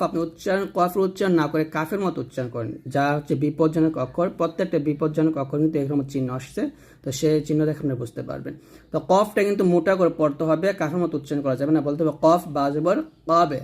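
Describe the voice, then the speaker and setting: A man with a somewhat high-pitched voice gives a careful recitation lesson. He breaks words into letters and vowel marks, stretching syllables and repeating them. His manner stays patient and instructive throughout. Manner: patient, repeats syllables slowly, drawing out sounds. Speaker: Quran recitation teacher. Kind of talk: slow letter-by-letter pronunciation lesson.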